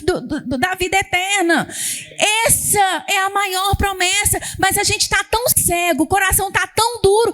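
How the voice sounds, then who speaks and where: A Brazilian woman preaching a Sunday sermon, repeating phrases for emphasis and acting out worshippers' voices in quick asides. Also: very high-pitched, a bit bright. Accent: Brazilian Portuguese.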